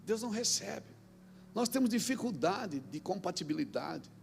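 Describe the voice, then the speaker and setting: High, gravelly Brazilian preacher man. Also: big pitch swings, moderate pace, slight background noise. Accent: Brazilian Portuguese. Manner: preaches with swings from shouting to quiet storytelling. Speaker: pastor. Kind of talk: sermon.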